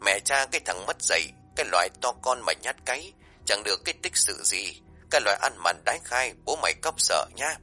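A man's voice: mid-range voice, lively intonation, fast talker, a little mellow, faint music behind, pitched above the performer's own voice, lightly acted. A man voicing a clumsy young village boy, sulky and fumbling with his words. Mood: taunting.

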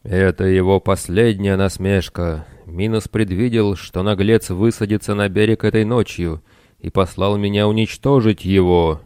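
A man reading a storybook aloud and voicing a booming, metallic bronze giant who speaks slowly, loudly and with menace. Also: steady tone, smooth, dry recording, studio quality, natural voice. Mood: grim. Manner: slow, loud, threatening delivery. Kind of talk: audiobook narration with character voices.

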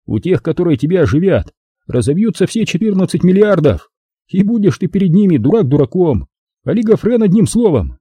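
A weary, thoughtful army captain, as a man puts him on speaks with heavy, aching earnestness. His raised voice stays dark and mellow. The sound is husky and dry. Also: sits high, big pitch swings, brisk, no echo, voice pushed up, full character voice. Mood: earnest.

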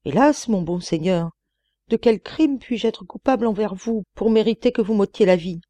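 A woman's voice: medium pitch, moderate pace, mellow, dry recording, pitched above the performer's own voice, close to an everyday voice. A woman voicing a frightened male merchant who pleads for his life in a trembling voice, in an audiobook reading. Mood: pleading.

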